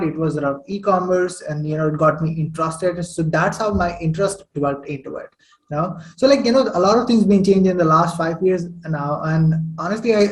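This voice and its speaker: A man's voice: high voice, poor audio. A young man from Saudi Arabia, a podcast guest telling his story in casual chat with many fillers.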